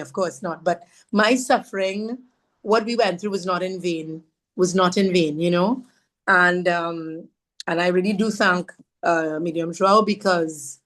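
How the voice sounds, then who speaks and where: A woman from Trinidad and Tobago, a podcast guest sharing a personal story in an earnest, halting way, often acting out what others said. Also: on the low side. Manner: earnest, often acts out others' words in her retelling; halting, with fillers and restarts.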